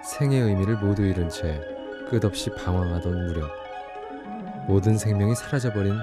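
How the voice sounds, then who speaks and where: A man narrating a dark fantasy radio drama as a grave, solemn storyteller. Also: on the low side, normal speed, loud music behind the voice, close to an everyday voice.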